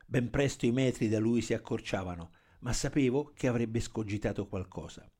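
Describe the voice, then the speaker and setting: A man reading a first-person crime story aloud in a steady, measured manner. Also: mid-range voice, breathy edge. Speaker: narrator. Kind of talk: scripted narration of a crime story.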